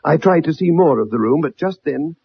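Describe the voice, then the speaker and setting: An actor's somewhat high, animated voice with vocal fry moves fairly quickly as he plays a dogged, earnest young ex-soldier recounting his past. It's formal, dramatic 1960s radio drama acting, coming through a muffled old broadcast with slight background noise.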